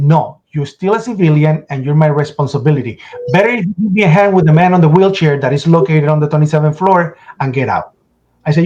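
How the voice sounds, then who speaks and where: A man giving emotional first-person testimony in an interview, telling his story urgently and acting out shouts and the words people said. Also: fairly high pitch, dull audio. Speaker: interview guest.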